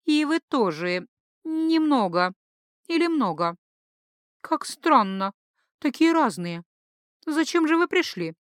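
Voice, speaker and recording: Mad blind priestess for an audiobook, raised high pitch, erratic, flirty then shrieking, played by the woman reader. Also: very animated, takes it slowly, long pauses, no echo, clean studio sound, heavily acted. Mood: coy, dreamy. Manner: flighty, swings between coy and shrieking prophecy.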